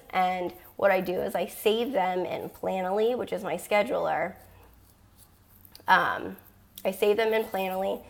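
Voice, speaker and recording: A woman with a gravelly, fried edge to her voice, speaking at a middling pitch as she chats through social media tips. She rambles a little, filling pauses with ums and likes. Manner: chatty, frequent ums and likes, rambling asides. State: losing her voice. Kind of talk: casual tips talk to viewers.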